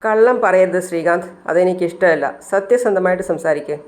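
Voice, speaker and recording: A woman's voice: lowish voice, fairly quick, a little mellow, natural voice. A hurt young woman in a retold television drama, pressing her friend with one reproachful question after another, as a narrator puts her on. She pleads and scolds in an everyday voice.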